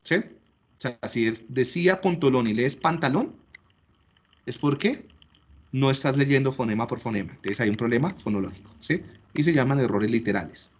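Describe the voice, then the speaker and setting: Male lecturer, patient step-by-step teaching, mid pitch, muffled lo-fi sound. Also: lively intonation, normal speed. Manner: explanatory, checks understanding with frequent rhetorical questions. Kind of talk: classroom lecture.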